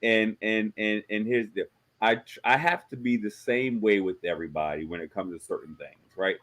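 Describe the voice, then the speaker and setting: A man in his forties, a host, telling stories in a joking, animated way during a casual chat. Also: on the low side, moderate pace. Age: 40s.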